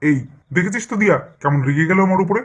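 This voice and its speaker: A man voicing a soft-hearted, doting father in a doll cartoon who pleads and appeases. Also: sits high, fast. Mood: pleading. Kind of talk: doll story voice acting. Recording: dull lo-fi recording.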